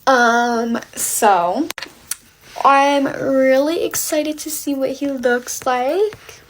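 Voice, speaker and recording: Brief: young woman, GRWM storytime, bright high voice, breathless "like"-laden gushing. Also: drawn-out words, slight background noise, poor audio. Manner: gushing, filler-heavy valley-girl chatter. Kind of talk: get-ready-with-me storytime.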